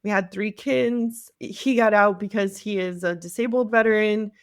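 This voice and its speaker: Speaking at a moderate pace with fairly even intonation and a mid-range voice, an American woman tells her story as an interview guest. She's a marketing agency CEO from around Cleveland, candid and chatty, often performing other people's lines, recorded in studio quality without echo.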